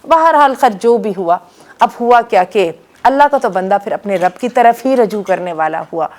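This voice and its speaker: A woman teaching a religious lesson through a story, with a mid-range voice. She tells it with lively, dramatic shifts, slips English words into her sentences and breaks into recited Quranic Arabic. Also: medium pitch. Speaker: religious lecturer. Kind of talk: Islamic storytelling lecture.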